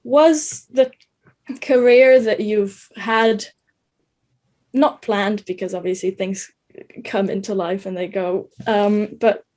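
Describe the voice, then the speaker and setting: A young woman from Slovenia interviews a guest as a student. She has a medium-pitched voice and words her questions tentatively, often rephrasing them. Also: fairly even intonation, takes it slowly, darkish tone. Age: young adult.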